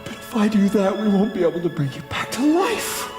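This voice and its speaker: Dramatic, grief-stricken gentleman. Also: high voice, big pitch swings, a little fast. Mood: anguished protest. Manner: dramatic, anguished, formal. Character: emotional gentleman haunted by grief for a lost woman. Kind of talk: video game voice acting. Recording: echoing game audio under music.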